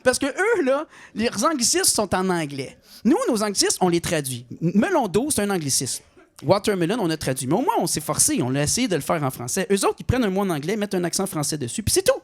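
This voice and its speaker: A middle-aged man from Quebec with a Québécois accent, performing a stand-up comedy routine with mock outrage and high-pitched punchlines. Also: wildly swooping pitch, fairly quick. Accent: Québécois French. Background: audience laughter.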